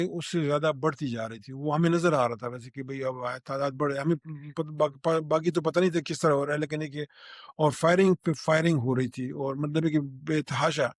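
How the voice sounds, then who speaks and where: Older man recalling, halting and dry. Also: on the high side, no echo. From Pakistan. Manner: halting, with many restarts and fillers. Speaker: eyewitness. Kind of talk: spoken recollection.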